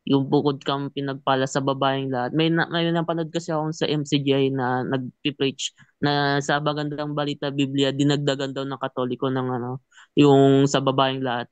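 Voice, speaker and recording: A man's voice: mid-range voice, flat delivery, fairly quick, clean tone, no echo. A man calling in with a polite, hesitant question about a Bible verse. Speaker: caller asking a question.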